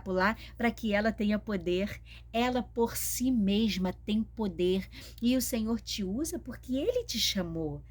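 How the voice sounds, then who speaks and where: A woman's voice: medium pitch, a little mellow. A woman with a Brazilian Portuguese accent, preaching and teaching in an emphatic, repetitive style. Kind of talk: sermon-style teaching video.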